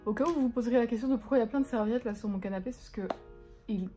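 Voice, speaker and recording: A woman's voice: on the high side, racing, warm tone, soft background music. A woman doing a casual makeup tutorial at home, chatty, rambling and self-mocking, with casual swearing. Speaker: beauty vlogger. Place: living room at home, on a couch.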